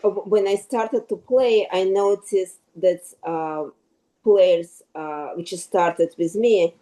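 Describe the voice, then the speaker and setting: Older woman, 60s, class participant on a video call; slow, hesitant, warm low tone. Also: rough recording. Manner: hesitant, many fillers and restarts. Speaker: class participant asking a question. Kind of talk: halting question on a video call. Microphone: computer on a video call.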